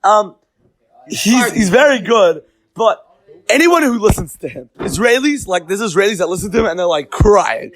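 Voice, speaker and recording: A man's voice: high voice, lively intonation, moderate pace, fairly bright tone. A young man hosting a comedic podcast, rambling through a rant with restarts and sprinkled Yiddish and Hebrew terms. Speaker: podcast host.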